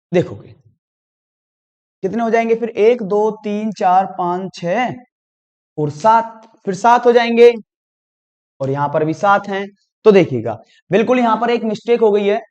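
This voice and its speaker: High-voiced man teaching exam reasoning. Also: animated, moderate pace, long pauses, a little mellow, dull audio. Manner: talks students through each step, often says "dekhiyega" and "theek hai ji". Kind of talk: exam prep lesson.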